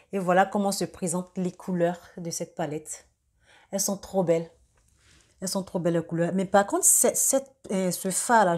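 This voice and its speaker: A young woman talking through a makeup tutorial in a casual, halting way, with many fillers and restarts. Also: on the low side, a little mellow. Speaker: beauty vlogger.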